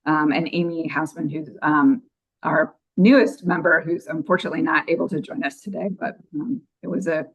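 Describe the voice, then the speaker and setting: At a public meeting, a woman on a commission gives a grant and project update, apologetic and peppered with ums. Her voice is deep, steady, slightly rough and a little scratchy, at a moderate pace.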